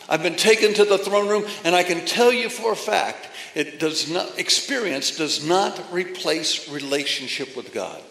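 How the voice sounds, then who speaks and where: A man preaching a sermon with emphatic phrasing and pauses between phrases, addressing a congregation. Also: sits high, fairly bright tone. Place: church or meeting hall. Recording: echoey hall from a distance.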